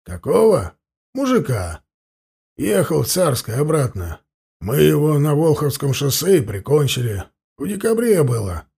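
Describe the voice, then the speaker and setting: A blustering, hot-tempered peasant robber from an audiobook, as a male reader puts him on, his gravelly voice lurching up and down as he protests. the timbre stays husky and dark even when he shouts back. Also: a little high, unhurried, full character voice. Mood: confessing. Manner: blustering, indignant.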